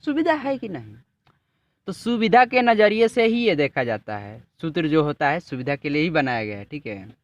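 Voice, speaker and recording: Casting: male chemistry teacher, slightly high voice, drawn-out explanations, dull lo-fi recording. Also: sing-song, no room sound. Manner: drawn-out explanatory, repeats and checks "ठीक है". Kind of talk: classroom lesson with a student.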